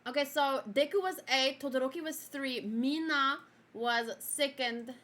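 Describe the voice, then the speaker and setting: A young woman who grew up speaking Afrikaans casually reviews an anime, reacting to an old video of her own while chatting and giggling. Her high voice is bright and sharp, and she takes her time, shifting from loud outbursts to quiet muttering to herself.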